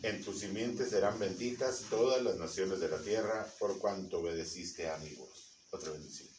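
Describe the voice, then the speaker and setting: Deep-voiced man reading scripture from afar. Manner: slow, measured reading. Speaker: congregation member reading scripture. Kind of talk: reading aloud. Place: church hall. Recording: distant, echoey, noisy.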